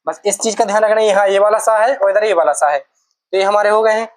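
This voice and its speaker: A woman's voice: medium pitch, steady tone, fairly quick, rough recording. A woman teaching an exam-prep Hindi lesson, going through each letter patiently, repeating sounds and asking the class questions.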